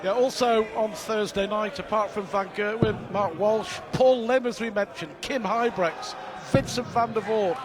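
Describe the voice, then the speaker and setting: A man's voice: sits high, measured pace, few pauses. A man giving conversational, analytical live commentary on a darts match. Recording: clear crowd noise behind commentary. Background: arena crowd.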